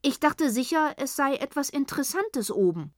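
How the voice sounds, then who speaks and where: A woman's voice: high voice, big pitch swings, moderate pace, dry recording, studio quality, voice pushed up. A woman reading aloud, voicing a cheeky, hungry little girl in a storybook. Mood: pert. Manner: cheeky, pert.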